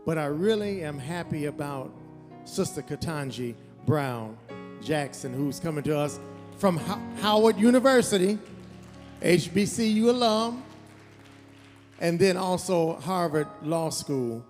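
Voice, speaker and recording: A man's voice: on the high side, lively intonation, measured pace, a little mellow. A man speaking earnestly to an audience as a concert emcee, with a few hesitant restarts. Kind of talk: event speech to an audience. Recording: long hall reverb, faint music.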